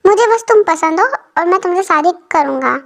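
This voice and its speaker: A woman's voice: very high-pitched, lively intonation, moderate pace, gravelly, fairly bright tone, full character voice. A woman voicing a possessive young male mafia boss, talking in a blunt, commanding way.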